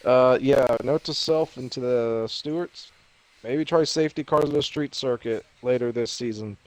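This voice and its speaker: A man's voice: medium pitch, normal speed, a little mellow, a little hiss or hum. A man hosting an esports racing stream, upbeat and loose, joking and swearing casually. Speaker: esports racing commentator, host. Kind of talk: casual broadcast commentary.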